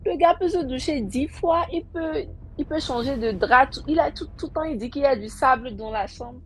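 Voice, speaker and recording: A woman casually telling a personal story, lively and animated, acting out the lines she quotes. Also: high voice, moderate pace. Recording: music bed behind the voice. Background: faint tense background music.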